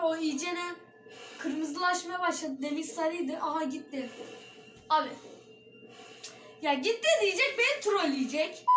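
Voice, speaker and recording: A woman's voice: high-pitched, a bit bright. A woman giving let's play commentary on a horror game, jumpy and frightened, swearing and shrieking often. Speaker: gaming video creator.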